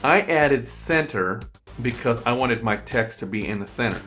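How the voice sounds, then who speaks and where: Male tutorial presenter, mid-pitched, step-by-step repetitive explainer on a desk mic, faint music bed. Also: lively intonation, normal speed, sharp tone. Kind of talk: screen-recorded tutorial walkthrough. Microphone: USB desk microphone.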